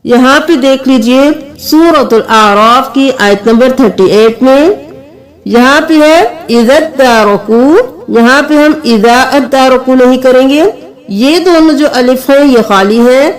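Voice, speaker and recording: High-pitched woman teacher going slow, spelling out each letter patiently. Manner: slow, patient letter-by-letter explanation, with sung recitation between. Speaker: Quran recitation teacher. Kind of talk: tajweed lesson, spelling out letters.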